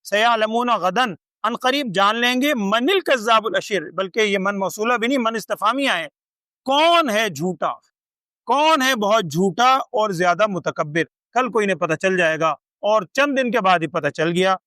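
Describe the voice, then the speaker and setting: An older man teaching a Quran commentary class, his voice high and bright. He explains patiently, recites verses, then puts rhetorical questions to the room. The sound is dry and close, with almost no room echo. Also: lively intonation. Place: lecture with a seated audience.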